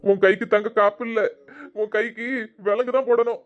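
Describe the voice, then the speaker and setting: A woman's voice: medium pitch, steady tone, normal speed, lo-fi sound, natural voice. A woman voicing a wary, sarcastic father-in-law in a cartoon comedy, hurrying off with an excuse. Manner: sarcastic, evasive.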